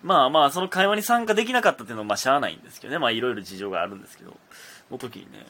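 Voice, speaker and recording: A man's voice: medium pitch, racing. A young man with a Kansai accent hosting a casual solo radio talk, rambling and full of fillers. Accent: Kansai Japanese. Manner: rambling, many fillers, animated. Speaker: radio talk host, comedian.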